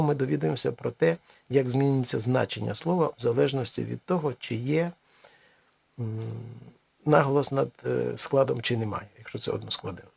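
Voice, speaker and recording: A man teaching a language lesson, explaining slowly with many pauses and restarts. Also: mid-range voice, creaky, slightly rough, dry recording.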